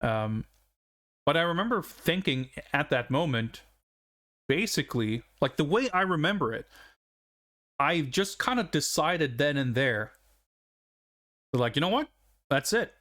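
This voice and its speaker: On a casual game stream, a native Swedish speaker in his forties from Sweden muses in a rambling, reflective way and chuckles often. His fairly high, fairly bright voice is very animated, a little slow, and full of pauses.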